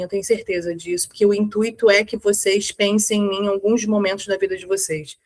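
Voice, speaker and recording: In a mid-range, slightly mellow voice, a Brazilian Portuguese-accented woman motivates women entrepreneurs as a mindset coach. She is earnest and emphatic, leaning on short phrases she repeats, in a dry recording.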